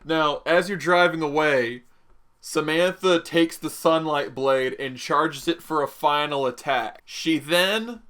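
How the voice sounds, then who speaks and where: A man's voice: on the high side, pushed and bright. A man game master improvising story narration in a casual, rambling way, often revising his phrases.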